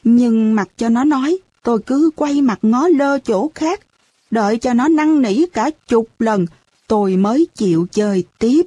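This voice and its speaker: A woman narrating a first-person storybook in a lively, expressive way. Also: a little high, measured pace, breathy edge, no room sound. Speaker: audiobook narrator.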